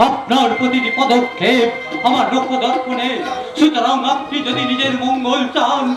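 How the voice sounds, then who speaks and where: A man playing a defiant, righteous son in historical folk theatre, booming out oratorical phrases that he draws out dramatically. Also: flat delivery, normal speed. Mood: righteous anger. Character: righteous defiant son denouncing his corrupt father. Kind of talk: loud declamatory Bengali jatra stage acting. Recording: very echoey stage, loud music and crowd.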